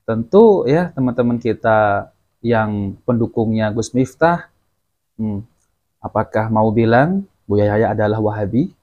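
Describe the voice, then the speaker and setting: A channel host and commentator presents religious commentary, speaking straight to his viewers in a didactic way as he repeats clips and explains them. His medium-pitched voice is mellow, and the recording's highs are cut off.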